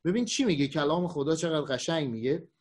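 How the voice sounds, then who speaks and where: A male pastor giving a conversational online sermon, acting out the voices of people he quotes. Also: on the high side. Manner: lively, acts out quoted voices.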